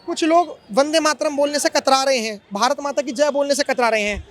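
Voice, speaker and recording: Male street reporter, very high pitch, quick pace, pushes hard with repeated questions. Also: fairly even intonation. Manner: pressing, insistent questioning. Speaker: street interviewer. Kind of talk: street vox-pop interview.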